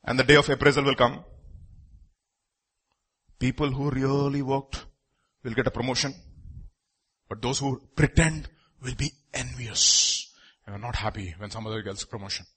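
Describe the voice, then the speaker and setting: A man with an Indian accent and a husky voice preaching a sermon emphatically, repeating phrases and posing rhetorical questions. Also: medium pitch, fairly even intonation, normal speed, long pauses, a bit bright.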